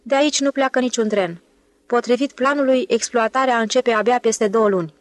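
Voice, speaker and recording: A woman's voice: fairly high pitch, no room sound, close to an everyday voice. A woman reading the part of a timid, sullen male clerk, speaking hesitantly.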